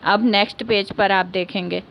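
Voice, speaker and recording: A woman's voice: mid-range voice, steady tone, moderate pace, gravelly, background noise. A woman, a teacher explaining a lesson patiently, repeating key points and answering her own questions. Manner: ends points with a checking "okay". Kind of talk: classroom lesson.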